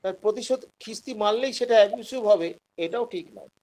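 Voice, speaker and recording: Bengali-accented male teacher, fairly high voice, patient question-and-answer lecturing. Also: fast talker, a little mellow, rough recording. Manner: explains patiently, poses questions then answers them; acts out quoted patients in a raised voice. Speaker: homeopathy teacher. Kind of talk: online lecture.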